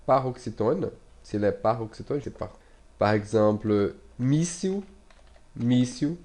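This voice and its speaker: A Brazilian man who speaks Portuguese natively gives a casual language lesson in French. His voice is dark and mellow. He moves at an unhurried, halting pace, full of fillers and restarts. He repeats and spells out words with keyboard typing in the background. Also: lowish voice. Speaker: Portuguese teacher.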